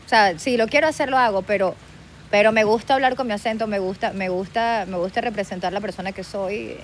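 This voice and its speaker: A Venezuelan woman co-hosting a casual podcast chat, animated and slipping English words into her Spanish. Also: medium pitch, a little fast, slight background noise. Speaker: podcast co-host.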